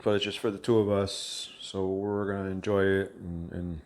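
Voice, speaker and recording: A man hosting a casual home cooking vlog, talking in a halting way with many fillers and restarts. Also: low voice, level tone. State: talking with his mouth full. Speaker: cooking channel host.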